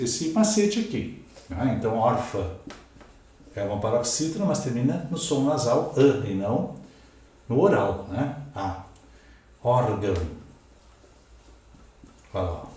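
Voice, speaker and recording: Brazilian man teaching in a booming, echoey room. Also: a little mellow. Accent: Brazilian Portuguese. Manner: explanatory, checks in with "né?" and "ok?", spells out letters. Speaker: Portuguese teacher. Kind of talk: whiteboard grammar lesson.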